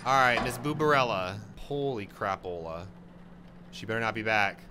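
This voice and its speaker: Excitable young man narrating a horror game. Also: on the low side, normal speed, noisy background. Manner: excitable, jokey, loud jumpy reactions. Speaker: gaming YouTuber. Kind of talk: casual let's-play commentary.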